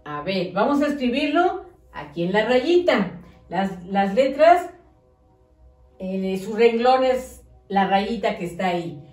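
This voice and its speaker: A woman teacher, dictating to young children slowly and patiently, spelling words out syllable by syllable. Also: mid-range voice, big pitch swings, darkish tone, distant mic, faint music behind. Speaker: primary school teacher. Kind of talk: slow, patient classroom dictation. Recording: echoey room, voice off-mic.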